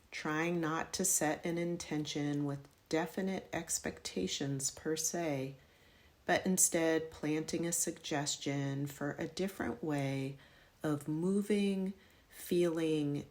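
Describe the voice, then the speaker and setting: This is a guided meditation led by a woman whose voice is low. She moves through each instruction at a very slow, measured pace, offering soft, instructive direction in the manner of yoga nidra.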